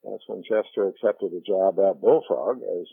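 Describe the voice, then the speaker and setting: An older man reminisces haltingly as an interviewee in an oral history. His low voice is creaky and a little husky, with frequent pauses and repeats. He comes through a narrow, humming telephone line. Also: no room sound. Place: on a telephone call. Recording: muffled telephone line with electrical hum.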